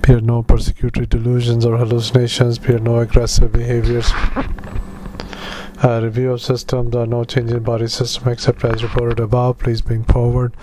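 A man speaking as a doctor doing medical dictation, in halting, clipped phrases with spoken punctuation. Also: mid-range voice, completely flat delivery, noisy background. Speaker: doctor dictating clinical notes.

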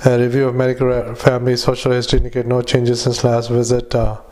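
A man dictating clinical notes as a clinician, halting often with fillers, speaking in clipped phrases and formal medical dictation style. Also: mid-range voice, monotone, a little mellow. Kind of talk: medical dictation with spoken punctuation.

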